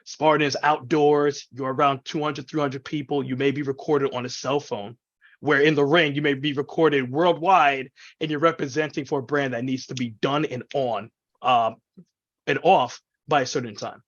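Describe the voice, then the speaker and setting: Man, animated conversational storyteller from New York City, mid-pitched, lo-fi call audio. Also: moderate pace. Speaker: ring announcer and event MC, interview guest. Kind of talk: casual interview chat. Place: indoors, on a video call. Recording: dull, lo-fi video call audio.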